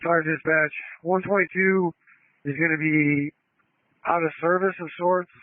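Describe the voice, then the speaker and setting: Flat-toned responder man over a radio. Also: a little high, measured pace, no echo. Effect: radio transmission. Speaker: emergency responder in the field. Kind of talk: matter-of-fact radio report. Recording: dry phone-like scanner radio audio.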